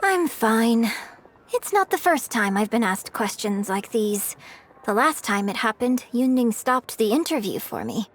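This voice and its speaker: A woman voicing a composed young opera star who speaks in a measured, earnest way, in game audio with faint music. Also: a little high, very animated. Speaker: game character. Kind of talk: video game voice acting.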